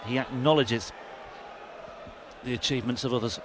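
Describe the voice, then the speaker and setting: A man's voice: medium pitch, normal speed, a loud crowd. A man giving live darts commentary as the lead commentator. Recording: clear venue noise behind the commentary.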